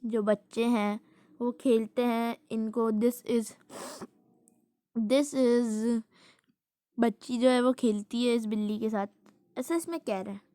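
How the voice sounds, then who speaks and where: A woman with a fairly high voice reads a children's picture book aloud and keeps pausing to explain it in her own words. Her talk is chatty and amused, with long roundabout explanations. The recording is dry and close, with no room sound. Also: fairly even intonation, warm tone, no room sound. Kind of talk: casual read-aloud with explanations.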